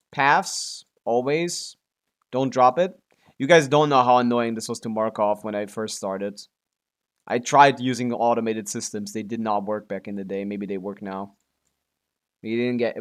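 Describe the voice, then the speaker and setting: A man with a medium-pitched, slightly bright voice is streaming a game live. He chats casually, mutters to himself a lot, and swears in an offhand way.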